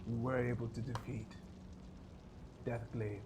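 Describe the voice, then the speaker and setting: A man voicing a calm, reassuring male friend in a dream, speaking with a Nigerian accent. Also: mid-range voice, a little slow, background noise, voice pushed down, lightly acted.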